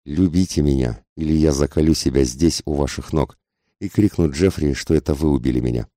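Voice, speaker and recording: Man voicing a desperate, passionate society woman in an audiobook, intense pleading, very deep dark voice. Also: brisk, no echo, clean studio sound. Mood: furious pleading. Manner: intense, whispering-angry pleading.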